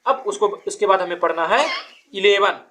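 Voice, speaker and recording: A woman's voice: mid-range voice, moderate pace, a bit bright, a little hiss or hum. A woman teaching a child to count, patiently asking quiz questions and counting numbers aloud step by step.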